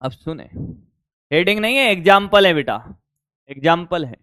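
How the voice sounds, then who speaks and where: A male physics teacher, lecturing online at a board, his voice hoarse from shouting, coaxing students and checking whether they follow. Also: sits high, lively intonation, moderate pace, no room sound, studio quality. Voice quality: strained, worn voice. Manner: coaxing, keeps asking if students got it.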